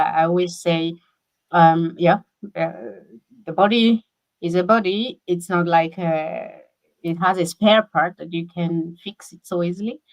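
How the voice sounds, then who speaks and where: A woman from Kenya, talking as a guest in a casual conversation over a video call. She speaks haltingly and restarts her sentences often. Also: on the low side, low-quality recording. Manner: halting, with many repeated restarts.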